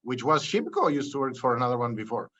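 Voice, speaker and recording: A man's voice: mid-range voice, sing-song, quick pace, pushed and bright, dull audio. A man hosting an interview podcast, introducing the format and questioning his guest, listing topics and restarting phrases. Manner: enumerating, with frequent restarts. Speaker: podcast host. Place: Peru.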